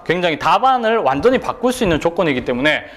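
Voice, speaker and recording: In an online lecture, a man working as an exam prep instructor poses rhetorical questions, answers them himself, and frequently checks in with the listener. His voice is fairly high, a bit bright, very animated and fast. The sound suggests a big room.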